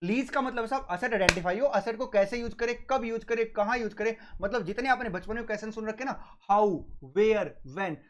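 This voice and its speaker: A man's voice: high-pitched, a little fast, hardly any pauses, a bit bright. A man giving a classroom lecture on accounting, asking his students questions and answering them himself, and fondly addressing them as "beta" and "sahab". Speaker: accounting exam tutor.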